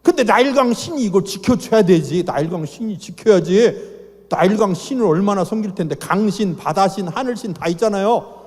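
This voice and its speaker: A man, an Old Testament professor, giving a lively, colloquial Bible lecture at a church, dramatizing the stories as he goes. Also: sits high, moderate pace. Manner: dramatic storytelling, acts out characters, colloquial. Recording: echoey church hall.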